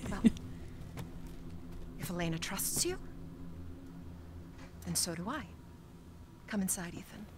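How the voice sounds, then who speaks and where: An actress voicing a village matriarch who calmly takes charge and welcomes the strangers inside. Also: female voice, mid-range voice, slow pace, long pauses, background noise. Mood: commanding. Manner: calm, authoritative. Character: commanding but kindly village matriarch.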